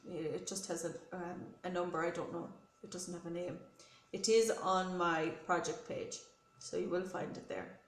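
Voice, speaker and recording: A knitting podcast host with a head cold speaks at a moderate pace in a lowish voice with fairly even intonation. Her casual show-and-tell is friendly and rambling, thick with ums and self-corrections, and the audio has roomy echo plus faint noise.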